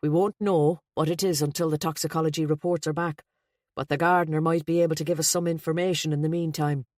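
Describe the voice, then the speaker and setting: Woman reader doing a reserved male sergeant; measured, earnest audiobook read, dry close sound. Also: low-pitched, fairly even intonation, darkish tone, no echo, lightly acted. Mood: businesslike. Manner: measured, apologetic, businesslike.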